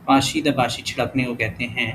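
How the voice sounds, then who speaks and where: A man teaching a casual lesson who thinks aloud as he works through exercises, corrects himself often and reads example words out slowly. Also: medium pitch, steady tone. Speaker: language teacher. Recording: clear background noise.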